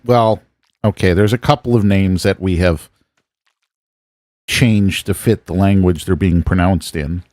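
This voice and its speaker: Male streamer from the US, loose musing delivery, animated intonation, dry close-mic sound. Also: lowish voice, no room sound. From United States. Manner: rambling, musing aloud while playing. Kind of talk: casual gameplay chat with chat.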